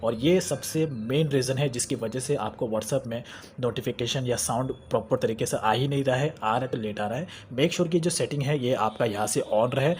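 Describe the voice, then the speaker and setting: A man's voice: mid-range voice, moderate pace, a little mellow, a little hiss or hum. A young man hosting a phone tech tutorial, chatty and repetitive, mixing English terms into Hindi as he walks through settings. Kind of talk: screen-recorded how-to tutorial.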